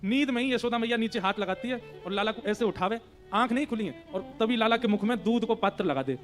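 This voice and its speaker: A man tells a devotional story in an animated way, chanting verses now and then. His voice is high, and a faint instrument plays behind him. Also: a little fast, soft background music.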